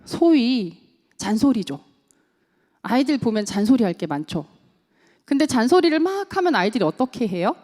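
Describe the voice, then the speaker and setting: A woman's voice: on the high side, moderate pace, pauses often. A woman, a parenting coach and teacher, giving a seminar talk to parents, asking the audience questions and acting out quotes. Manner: animated, asks the audience questions and acts out quotes. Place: church hall. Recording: echoey church hall.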